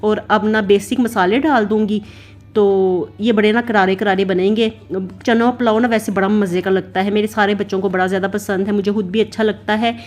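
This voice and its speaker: A woman's voice: mid-range voice, steady tone, fairly quick. A woman in her thirties from Pakistan, chatting through a casual voice-over for her home cooking and routine vlog. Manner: chatty, rambling, heavy use of filler "na". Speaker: vlogger mother. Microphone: voice-over recorded separately.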